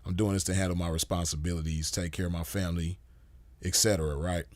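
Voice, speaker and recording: This deep-voiced podcast host talks fast with fairly even intonation, keeping his casual monologue loose and full of "you know" fillers. There's no room echo on the recording.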